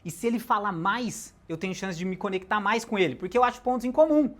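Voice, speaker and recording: A man giving a live sales lecture, animated, shifting loudness and pace for emphasis and throwing questions at the audience. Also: high-pitched, quick pace. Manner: talks directly to the audience with questions.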